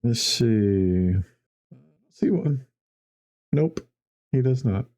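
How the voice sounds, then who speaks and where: A man's voice: medium pitch, expressive, drawn-out words, darkish tone. A man running a tabletop game as game master, describing scenes in a loose, conversational way.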